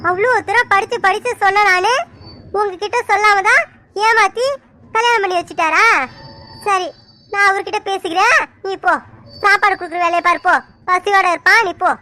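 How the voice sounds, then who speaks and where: A woman voicing a loud, bossy village mother-in-law in a cartoon, shouting and nagging in village Tamil speech. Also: fairly even intonation, moderate pace, pauses often, a little hiss or hum. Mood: scolding. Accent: Tamil Nadu village speech. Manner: shrill, bossy, shouts and nags. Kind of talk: cartoon dub acting.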